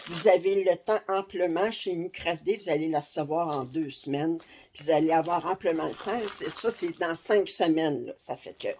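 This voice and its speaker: Chatty Québécois woman, low voice. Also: slightly rough. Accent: Québécois French. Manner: chatty, many fillers and "ok?" check-ins. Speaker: craft vlogger. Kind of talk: casual direct-to-camera chat. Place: her living room. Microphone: camera framing upper body.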